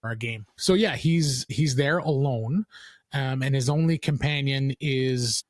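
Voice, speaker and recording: A man's voice: medium pitch, a little slow, no room sound. Man chatting casually on a podcast. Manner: relaxed, filler-heavy with frequent restarts. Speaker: podcast host.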